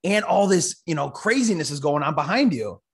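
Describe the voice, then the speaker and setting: A man hosts an interview from his home office with a headset mic. His voice sits a bit high, and he asks questions in a friendly, loose way, restarting phrases and dropping "you know". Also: big pitch swings, a little fast, slightly rough. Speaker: podcast host. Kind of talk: casual interview.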